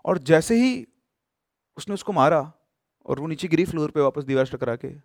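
A man casually telling a horror story, with emphatic bursts and sudden hushed drops. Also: on the high side, animated, moderate pace, no echo, clean studio sound.

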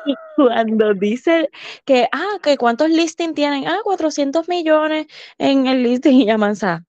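Animated higher-voiced woman, gossiping. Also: a little slow, no room sound, lo-fi sound. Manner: animated, acts out quotes, mixes English words. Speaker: podcast co-host. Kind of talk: casual gossip chat.

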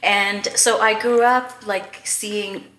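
A woman's voice: medium pitch, fairly even intonation, takes it slowly, a bit bright, echoey room, a little hiss or hum. A Canadian woman, a podcast guest, chatting casually and enthusiastically with frequent fillers and laughs. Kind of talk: casual interview chat.

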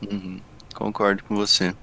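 A man's voice: lowish voice, monotone, normal speed, gravelly, sharp tone, a little hiss or hum. A man with a Brazilian accent hosting a podcast in a casual, conversational style. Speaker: podcast host.

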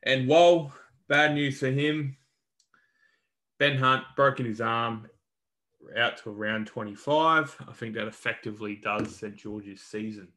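A man's voice: medium pitch, a little slow, pushed and bright. An Australian man co-hosting a podcast, giving a casual, colloquial rundown of sports news in a matey way. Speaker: podcast co-host.

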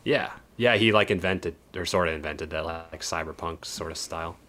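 A man's voice: low voice, normal speed, a bit bright, slight background noise. A man co-hosting a podcast in casual chat, laid-back and swearing offhandedly. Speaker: podcast co-host.

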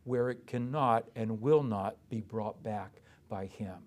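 A man's voice: lowish voice, takes it slowly, a little mellow. A male pastor delivering a sermon in an emphatic way, putting rhetorical questions to his listeners.

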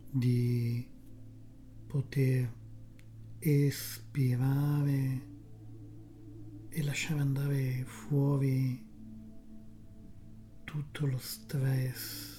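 A very slow, soft spa whisper leads a guided meditation. The delivery is even and mellow, breathy and soothing, with long pauses between short phrases. Gentle music plays behind. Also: medium pitch.

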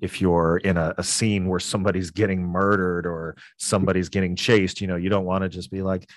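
Low-voiced man, relaxed and rambling. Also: a little fast, no room sound. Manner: relaxed, rambling with many fillers. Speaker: podcast guest. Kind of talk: casual interview chat.

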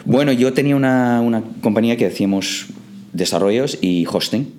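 A man's voice: mid-range voice, a little fast, darkish tone. A man from England, a startup co-founder, answering interview questions in a hesitant way with many fillers and restarts.

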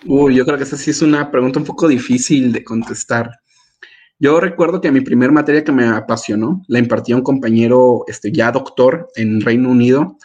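A young man from Mexico, a student guest in a casual podcast interview, telling stories in an animated way and acting out his own past words. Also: mid-range voice. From Mérida, Yucatán, Mexico. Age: young adult.

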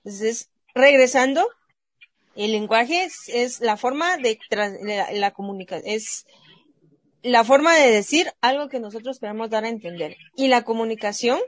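A woman's voice: a little high, no echo. A woman math teacher talking casually, thoughtful and hesitant, often checking for agreement. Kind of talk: casual panel discussion.

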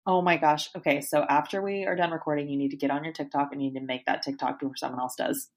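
Deep-voiced and fast-talking, this woman co-hosts a podcast. Her chat about a reality show is casual, and she brings quotes from it to life with animation.

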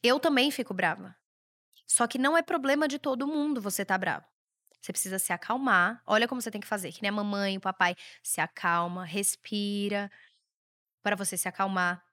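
A woman's voice: medium pitch, fast, fairly bright tone. A Brazilian woman in her thirties hosting a podcast, giving a blunt, provocative motivational monologue with casual swearing. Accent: Brazilian Portuguese. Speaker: podcast host.

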